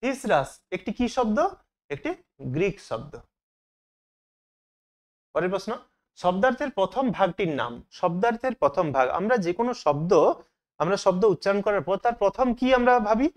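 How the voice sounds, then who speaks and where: A man's voice: high voice, lively intonation, normal speed, pauses often. A man teaching as he works through exam questions, asking each question aloud and then answering it himself. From Bengal.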